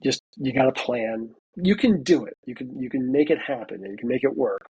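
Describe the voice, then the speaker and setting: Man, 40s, husky, mid-pitched, conversational, fillers, interview guest. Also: big pitch swings, a little fast, a little mellow, muffled recording. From United States. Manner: chatty, lots of "you know" fillers, acts out quoted dialogue. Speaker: interview guest, veteran student. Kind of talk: casual interview storytelling.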